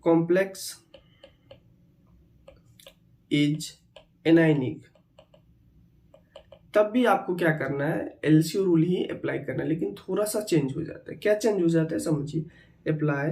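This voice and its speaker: A man gives a chemistry lesson with a mellow, slightly higher voice. He mixes in terms, repeats key words and keeps checking in with his students. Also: creaky. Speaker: chemistry teacher. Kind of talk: online exam-prep lecture.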